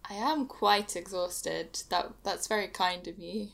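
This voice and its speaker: A woman's voice: mid-range voice, measured pace, creaky, fairly bright tone. A woman taking part in a casual tabletop role-play as a player.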